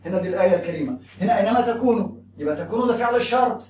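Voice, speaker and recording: A man's voice: high voice, expressive, racing, a little mellow, echoey room, distant mic, slight background noise. A man with an Egyptian Arabic accent teaching a grammar lesson, explaining step by step and asking and answering his own questions.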